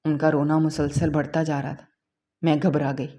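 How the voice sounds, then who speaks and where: A woman reading a first-person moral story aloud in a calm, even narrating manner. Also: sits low.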